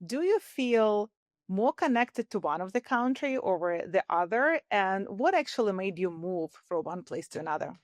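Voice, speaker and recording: A woman hosting a podcast interview, upbeat and quick to laugh. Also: mid-range voice, sing-song, dry recording, studio quality. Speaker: podcast host.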